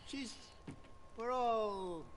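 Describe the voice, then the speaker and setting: An actor playing a calm, concerned older outlaw leader in a video game, speaking in a measured way. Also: male voice, extremely high pitch, slight background noise, heavily acted.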